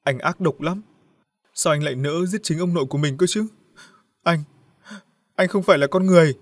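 A man's voice: fairly high pitch, normal speed, no echo, clean studio sound, pitched above the performer's own voice, close to an everyday voice. A man voicing a grieving young woman who wails and pleads through tears in a storybook reading. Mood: choked accusation. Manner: choked, wailing, pleading.

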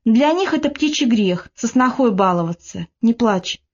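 A woman reading the part of a quiet, plain-spoken young peasant husband in a storybook. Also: normal speed. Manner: low, dull and flat when bored.

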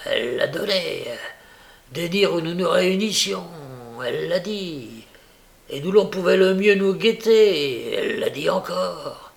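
A man's voice: fairly high pitch, vocal fry. A man reading aloud and voicing a sly, lazy young male informer who drawls and hesitates. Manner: drawling, hesitant, rustic speech.

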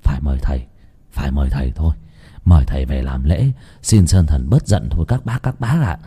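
A man's voice: a bass voice, a little fast, mellow, breathy edge, voice pushed down, exaggerated voice. A man voicing a fearful village man who urgently pleads to call a priest.

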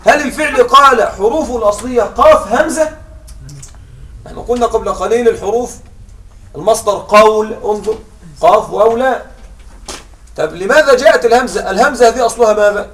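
Heard through a distant mic, a man with a high-sitting, fairly bright voice teaches an Arabic grammar lesson in a classroom, speaking briskly but with long pauses. He explains patiently step by step, repeatedly asking questions to make sure students understand.

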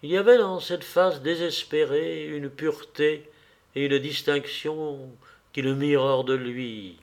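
A man's voice: a little high, fairly even intonation, measured pace. Man narrating a classic novel. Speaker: audiobook narrator. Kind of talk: literary audiobook narration.

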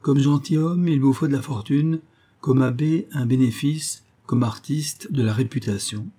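A man's voice: mid-range voice, normal speed, mellow, breathy edge, voice pushed up, lightly acted. A man voicing a sinister, mysterious male stranger who speaks insistently and with menace in an audiobook. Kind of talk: audiobook character voice.

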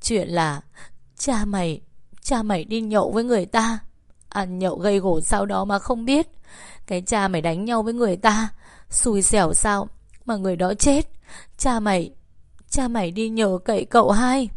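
A woman's voice: medium pitch, darkish tone, dry recording, clean studio sound, lightly acted. A woman voicing a weeping, anxious older village mother who stammers and repeats herself. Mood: tearful pleading. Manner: sobbing, halting, repeats words. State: crying.

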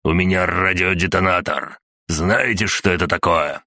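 A man voicing a defiant barbarian warrior shouting threats at a gang. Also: low voice, moderate pace, no room sound, studio quality.

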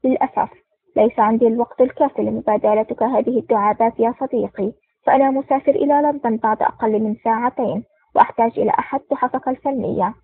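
A woman's voice: a little high, fairly even intonation, fast, husky, no room sound. Woman reading as a curt male spy officer. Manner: curt and dry. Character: stern male intelligence officer, terse and proud. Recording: tinny phone-like sound.

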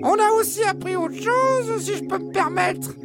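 A man's voice: very high-pitched, normal speed, creaky, over loud music, pitched above the performer's own voice. A man voicing a group of flustered, dithering hens in a children's audio story, stammering with lots of fillers. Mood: relieved.

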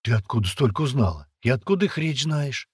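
A man's voice: medium pitch, big pitch swings, a little fast, darkish tone, husky, dry recording, clean studio sound, voice pushed up. A man reading aloud and voicing a hot-headed, loyal young boy held captive, who blurts and hisses in agitation. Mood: agitated.

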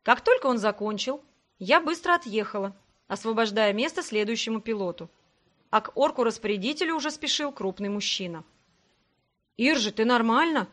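Woman, audiobook narrator, first person, higher pitch, even storytelling. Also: fairly quick.

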